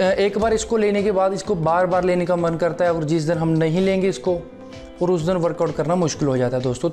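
With a high, slightly mellow voice, a young man reviews a fitness supplement to camera. The fitness vlogger sits on the sofa in his living room wearing a lapel mic, friendly in tone and often calling his viewers friends.

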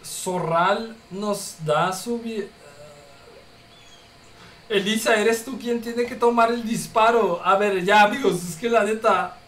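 A man's voice: sits high, slow, far from the mic. A man streaming a game, crude and joking, a little tipsy. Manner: crude, joking, loud outbursts. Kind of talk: casual game streaming, translating game text aloud. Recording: echoey room with background noise, off-mic.

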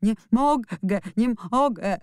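A woman's voice: mid-range voice, moderate pace, warm tone, no echo, clean studio sound, pitched above the performer's own voice, natural voice. A woman voicing a hysterical, sickly boy who stammers through his sobs. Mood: wailing.

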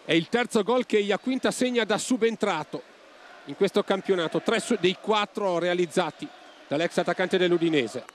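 A man giving football highlights commentary in clipped, telegraphic phrases, as a scripted match report. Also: normal speed, a little hiss or hum.

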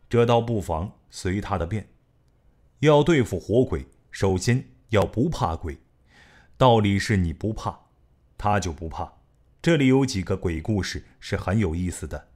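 A man reading an audiobook in an expressive storytelling manner. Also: fairly low pitch. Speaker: audiobook narrator. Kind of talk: scripted audiobook narration.

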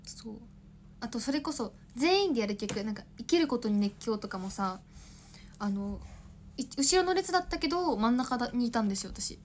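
High-voiced chatty young woman livestreaming. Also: lively intonation, brisk, a little hiss or hum. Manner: chatty, rambling, often laughing, answers viewer comments. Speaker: idol livestreaming to fans. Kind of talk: casual livestream chat.

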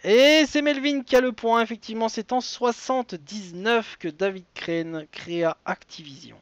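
A man's voice: very high-pitched, normal speed, fairly bright tone, clean tone, no echo, dull audio. A man hosting a live web quiz show, chatty and digressive, reading questions and wandering into side stories with many fillers.

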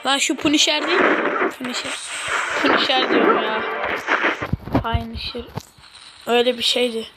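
A young woman commentating her own mobile game play, excitable and slangy, often yelling at the characters on screen. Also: high-pitched, poor audio. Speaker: gaming channel host.

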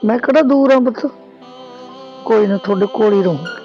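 An older woman playing a gentle, self-sacrificing old mother who speaks slowly and softly, soothing her son. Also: mid-range voice, highs cut off, soft background music, lightly acted. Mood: soothing, resigned. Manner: slow, soft-spoken, soothing.

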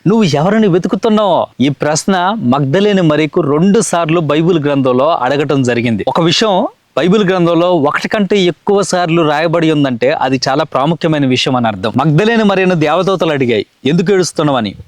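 A man's voice: fairly high pitch, expressive, brisk, dry recording. Male preacher, earnest building sermon cadence, dry booth sound.

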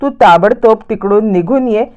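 A woman's voice: mid-range voice, normal speed, dark tone, muffled recording, lightly acted. A woman voicing a scheming young woman who firmly lays out her plan in a retold serial story. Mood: determined.

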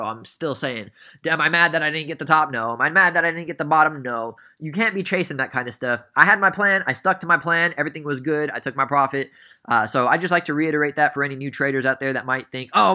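A man's voice: on the high side, bright, forceful tone. A young man casually recapping a stock trade for beginners, chatty and prone to rambling tangents. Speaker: trading educator.

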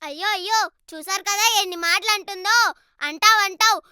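A woman's voice: extremely high pitch, fairly quick, heavy background noise. A young girl playing a nagging, self-pitying old grandmother in a comedy skit, wailing and scolding. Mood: complaining. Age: child. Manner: wailing "ayyo ayyo", sharp scolding.

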